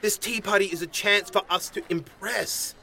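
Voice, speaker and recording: A man's voice: high-pitched, steady tone, normal speed, vocal fry, pushed and bright. A man with an Australian accent, playing a scheming con man who scolds his sister in a scripted comedy radio play. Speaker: comedy podcast actor.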